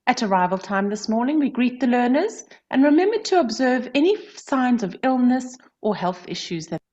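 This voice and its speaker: Brief: woman, voice-note playback, welcoming teacher-briefing tone, a bit high, dull lo-fi sound. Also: very animated, normal speed, a little mellow. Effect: voice note played back through a device. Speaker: curriculum presenter. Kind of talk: recorded weekly summary for teachers. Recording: dull lo-fi playback heard from afar.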